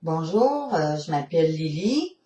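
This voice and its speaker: A woman's voice: low voice, very animated, unhurried, warm tone. A woman with a Québécois accent giving a hesitant, filler-filled testimonial, recorded from a distance in a roomy space. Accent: Québécois French. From Quebec. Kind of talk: spoken testimonial.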